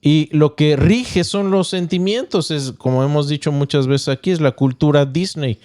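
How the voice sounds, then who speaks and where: Mellow, smooth-voiced male pastor teaching. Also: a little high, no echo, clean studio sound. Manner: explains point by point, checks in with listeners; measured, with small stumbles and restarts. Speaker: pastor and podcast host. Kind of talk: teaching podcast talk.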